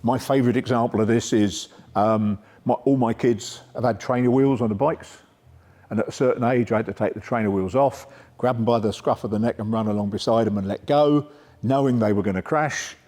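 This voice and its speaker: Middle-aged male lecturer, mellow voice, informal workshop delivery, reverberant hall. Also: medium pitch, brisk. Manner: conversational, checks in with "yeah?". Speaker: sport psychology speaker. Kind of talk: coaching workshop talk.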